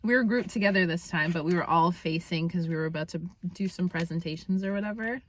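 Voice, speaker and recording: A woman's voice: lowish voice, fast talker. A woman vlogger telling stories in casual chat, laughing often and acting out what people said. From England. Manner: animated, laughs often, acts out quotes.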